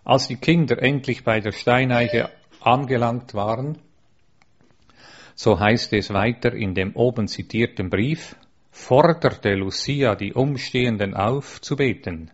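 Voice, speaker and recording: A man earnestly reading aloud a religious eyewitness account, measured and steady, with a few small stumbles. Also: medium pitch. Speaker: narrator. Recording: dull lo-fi recording.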